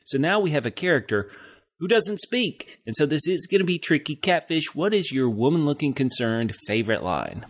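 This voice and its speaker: A man's voice: on the high side, very animated, normal speed. A man co-hosting a comedic podcast, ribbing his partner in a teasing, playful way. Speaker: podcast co-host.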